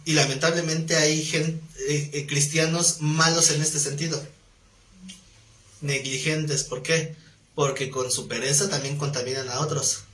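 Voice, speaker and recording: Animated man teaching Bible class. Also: measured pace. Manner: animated, acts out quoted voices with rising pitch. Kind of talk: live-streamed Bible class. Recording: roomy echo.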